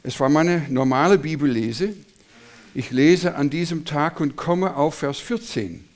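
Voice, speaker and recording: A man preaching a sermon, slow and emphatic, with dramatic swings in his delivery. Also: on the high side.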